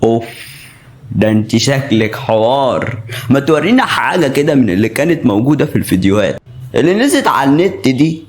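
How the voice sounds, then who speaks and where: A man's voice: mid-range voice, very animated, quick pace, natural voice. A man playing a leering street harasser. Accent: Egyptian. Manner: mocking, sleazy.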